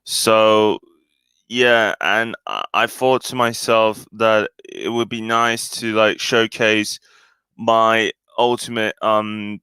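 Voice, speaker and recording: A man's voice: on the low side, pushed and bright, clear, resonant tone, no echo. A man chatting casually on his own live stream, hesitant and full of fillers and restarts.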